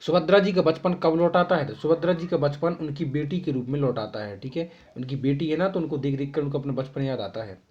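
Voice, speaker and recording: A young male teacher with a slightly high voice talks students through their homework answers. He reads each question aloud, then dictates the answer slowly, often checking in with "ठीक है". The recording is dull and lo-fi. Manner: repeats "ठीक है" as a constant check-in. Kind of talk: explaining homework answers to children. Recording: dull lo-fi sound.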